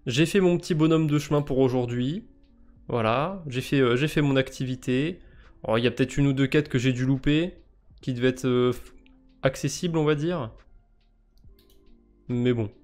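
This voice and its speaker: A man's voice: mid-range voice, normal speed, pauses often, darkish tone. A man with a French accent streaming live, casually commenting on crypto quests, joking and mocking himself as he thinks aloud.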